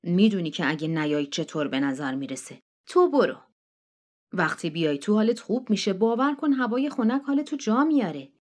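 A woman voicing Neil, a middle-aged husband who speaks gently and persuasively. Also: medium pitch, expressive, lightly acted.

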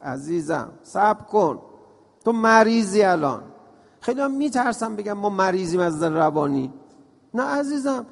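A man giving a religious lecture, emphatic, firing rhetorical questions and sometimes dropping to a soft, hushed tone. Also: sits high, gravelly. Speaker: preacher. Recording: long hall reverb.

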